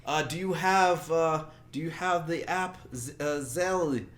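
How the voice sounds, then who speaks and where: A man's voice: a little high, a little slow, fairly bright tone, pitched above the performer's own voice. A man mimicking a pushy, falsely polite scam caller. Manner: overly formal, persistent.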